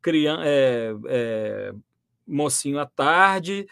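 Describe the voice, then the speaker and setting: A man from Brazil, a voice actor and dubbing director, explaining his work in a lively interview, with many restarts and fillers. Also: fairly high pitch, extremely slow, creaky, clear, resonant tone, dry recording, studio quality. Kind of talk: interview conversation.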